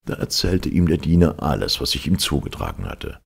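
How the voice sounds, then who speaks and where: Very deep, gravelly male storyteller. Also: big pitch swings, fairly quick. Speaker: storyteller reading fairy tales. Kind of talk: storybook reading.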